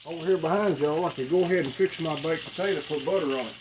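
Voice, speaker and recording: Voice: mid-range voice, fast. A plainspoken, folksy home cook with an Arkansas Southern accent, chatting casually while cooking in a home kitchen. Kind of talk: casual cooking vlog chat. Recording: clear frying sizzle and kitchen noise. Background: frying food sizzle, stirring.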